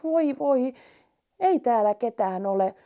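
A woman voicing a tiny, lost young mouse who asks eager, high questions. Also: animated, dark tone, highs cut off. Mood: curious.

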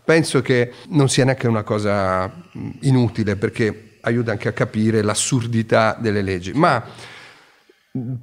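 A middle-aged man, a podcast guest talking earnestly and explaining his views in casual conversation. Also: mid-range voice. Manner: earnest, explanatory, animated when telling stories.

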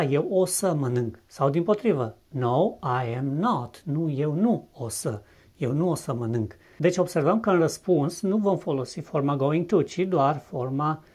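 A man teaching a recorded English lesson, who explains patiently and says each English example slowly and clearly before translating it. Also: a little high, darkish tone. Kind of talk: recorded video lesson narration.

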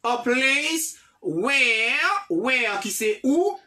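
A woman's voice: a little high, lively intonation, bright, forceful tone. A woman with a Haitian accent teaching English vocabulary online, repeating each word and checking with "ok?". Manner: repeats words slowly with frequent "ok?" checks. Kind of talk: online language lesson, mixing English, French and Creole.

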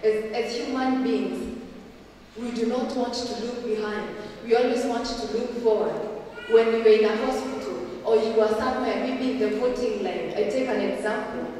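Preaching in a church hall, a young Kenyan-accented woman exhorts earnestly, gesturing and slowing down to stress points. Her voice is a little high and warm; recorded from far off by a camera plus handheld mic, the sermon carries long reverb, faint ambience and a bit of hiss or hum.

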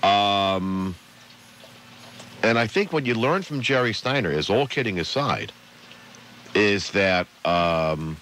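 A man's voice: fairly low pitch, expressive, slow, long pauses, fairly bright tone, slight background noise. An older man co-hosting a radio talk show, wry and joking. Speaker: radio co-host. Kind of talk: casual radio chat. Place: radio studio.

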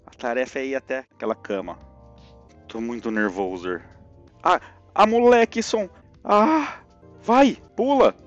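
A man with a Brazilian Portuguese accent giving lively live commentary on a platform game, yelping and groaning at each jump. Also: medium pitch, unhurried, pauses often, highs cut off, faint music behind. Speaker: streamer playing a platform game.

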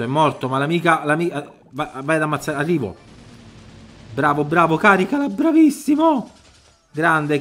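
A man giving excited live commentary over his own gameplay, swinging from loud urgent pleas to low mutters. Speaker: gaming YouTuber.

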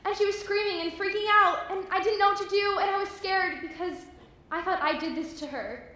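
A woman's voice: high voice, normal speed, a bit bright. Actress doing a confessional teen runaway girl, stage monologue, very reverberant library hall. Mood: troubled. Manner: earnest, confessional storytelling. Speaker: stage actor. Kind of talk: theatrical monologue. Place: library hall, live performance. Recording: echoey room, faint hiss.

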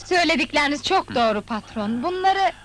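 An actor playing a fawning office clerk who eagerly flatters his boss, in a film comedy. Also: extremely high pitch, a little hiss or hum. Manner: fawning, hurried. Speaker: employee. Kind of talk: 1980s film comedy acting.

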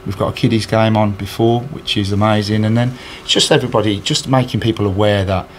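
Answering questions with earnest effort, many fillers and frequent restarts, a charity match organiser speaks quickly in a lowish, fairly even voice. The interviewer holds a handheld recorder, and the indoor setting, in front of a sponsor board, carries slight background noise.

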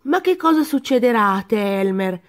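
A gentle, curious giraffe from a storybook, soft-spoken and caring , as a woman reading aloud puts her on. Her voice sits a little above the narration and is quieter and kind. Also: on the high side, sing-song, normal speed. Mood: concerned.

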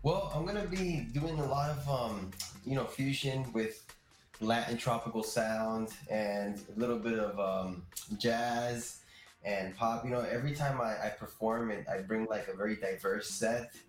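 A man's voice: medium pitch, unhurried. A young man from Miami chats casually about his music over a video call from home. He fills his speech with "um" and "you know". The room sound is noticeably echoey, with faint music beneath. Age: young adult. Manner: chatty, many fillers. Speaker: percussionist guest. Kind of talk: casual interview. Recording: roomy video-call audio.

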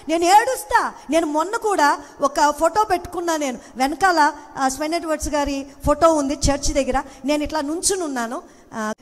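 Woman pastor, Telugu accent, high voice, impassioned sermon, long hall reverb. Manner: impassioned preaching with rhetorical questions. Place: church.

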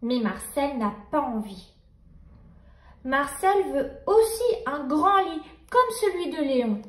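A woman's voice: high-pitched, very animated, slow pace. A woman narrating children's picture books as a storyteller, reading a scripted story aloud.

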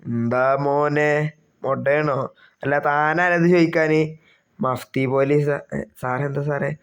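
Guy playing a bossy undercover cop, slow threatening drawl, clean smooth voice. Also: a little high, fairly even intonation. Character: gruff male plainclothes police officer.

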